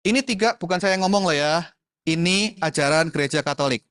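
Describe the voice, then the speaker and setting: A chatty man, talking casually to a youth group and slipping English words in. His voice sits a little high for a man and is recorded close and dry, with no room sound. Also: brisk, fairly bright tone, no room sound. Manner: chatty, mixes in English words, addresses the audience as friends.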